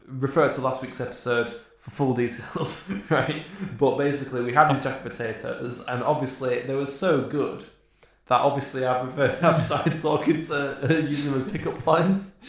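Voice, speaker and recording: A man's voice: medium pitch, steady tone, normal speed. Young guy podcasting, rambles, swears, laughs a lot, really echoey room. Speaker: podcast co-host. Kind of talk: casual chat.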